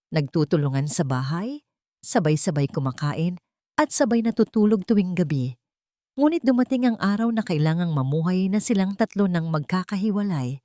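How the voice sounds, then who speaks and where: A woman's voice: fairly low pitch, dark tone, dry recording, studio quality. An older woman narrating a children's storybook tale in a lilting, grandmotherly way.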